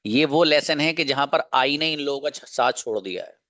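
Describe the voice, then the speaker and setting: A man teaching English grammar to a class, drilling example sentences slowly and checking understanding with quick questions. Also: medium pitch, expressive, bright, forceful tone, dry recording.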